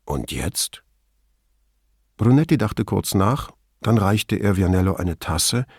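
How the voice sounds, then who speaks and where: A man with a lowish voice reads scripted audiobook narration in a measured yet expressive storytelling style. The recording is clean studio sound with no room noise.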